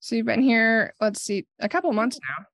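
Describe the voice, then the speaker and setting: A woman's voice: a little high, sing-song, normal speed, fairly bright tone, dry recording. Woman podcast co-host, dry and close. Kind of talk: podcast interview.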